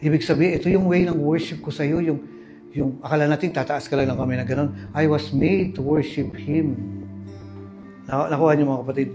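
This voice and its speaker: A man with a Filipino accent preaching a sermon, telling personal stories in an animated way and addressing his listeners as brothers and sisters. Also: a little high, fast talker, highs cut off, over music. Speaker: pastor.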